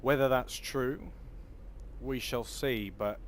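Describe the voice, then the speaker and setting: With a mid-range voice and a slow pace, a Cornish-accented man from Cornwall in southwest England gives easygoing, meandering commentary on a livestreamed game. Vehicle sounds come through clearly in the background.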